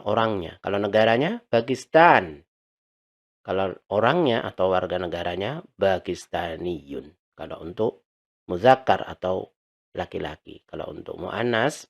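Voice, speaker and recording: A male Arabic teacher talks at a slow, unhurried pace with a gravelly rasp in his voice. He explains patiently and draws words out, repeating them for his students. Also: lowish voice, highs cut off.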